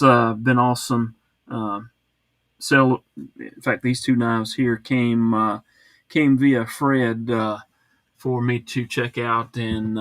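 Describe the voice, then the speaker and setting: A man hosts a casual livestream chat from home, reading viewer comments aloud. He rambles in a relaxed way, full of "uh"s and restarts, at an everyday mid pitch. The sound is close and dry, with no room echo.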